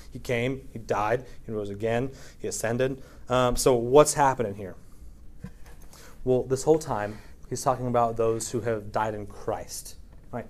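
A man's voice: mid-range voice, darkish tone. Casual man teaching scripture. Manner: casual, keeps checking in with "right?"; frequent fillers, reads scripture aloud. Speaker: preacher teaching a Bible study. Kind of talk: conversational sermon.

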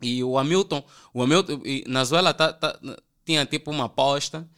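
Young angolan guy, angolan portuguese accent, slangy animated storytelling, bit high and bright. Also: moderate pace, clear, resonant tone. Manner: animated, slangy, acts out quoted voices. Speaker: podcast guest. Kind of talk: casual storytelling chat.

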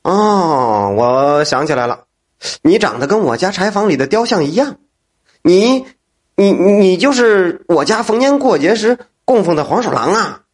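Man playing a loud reckless gambler, high and raging, stammering, husky. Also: very animated, moderate pace. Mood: angry shouting. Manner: shouting, stammering, contemptuous. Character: reckless, hot-tempered male gambler.

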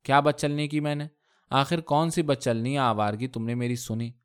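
A man's voice: mid-range voice, flat delivery, clean tone, natural voice. A man voicing a playful young husband who teases his wife in a mock-stern way, in a read-aloud story.

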